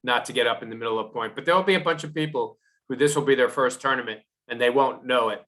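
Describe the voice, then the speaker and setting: A man training ushers in a casual question-and-answer session, talking haltingly with many fillers. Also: mid-range voice, a bit bright. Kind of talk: casual Q&A on a video call.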